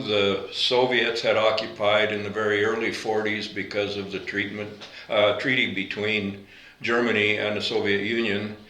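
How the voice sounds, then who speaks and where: Veteran in his 80s, born in Latvia, low bright voice, room echo. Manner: unhurried, halting with fillers and self-corrections. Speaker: veteran interviewee. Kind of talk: oral history interview.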